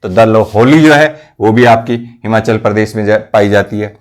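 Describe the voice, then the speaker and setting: A man's voice: fairly low pitch, moderate pace. A male coaching teacher explaining memory tricks for exam facts. He keeps asking questions and answering them himself, repeating key words. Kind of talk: mnemonic lesson for competitive exams.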